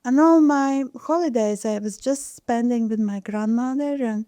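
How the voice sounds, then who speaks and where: A woman from Latvia with a Latvian accent, a fashion designer answering interview questions in careful, soft-spoken English as a second language. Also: a little high, moderate pace, no echo.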